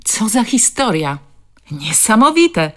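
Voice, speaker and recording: A woman voicing Zuza, a cheerful, lively neighbour woman, in an audiobook. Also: a little high, slow, voice pushed up. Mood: excited.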